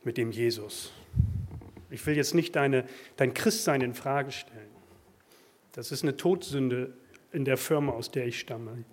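A man preaching a sermon, swinging from loud emphatic bursts to quiet asides. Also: medium pitch, a little slow. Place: church.

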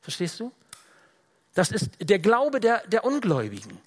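A man preaching a sermon in a casual, conversational way, often dropping to quiet, low tones for emphasis. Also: huge pitch swings, normal speed. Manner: rises and gets louder when reading out dramatic Bible quotes.

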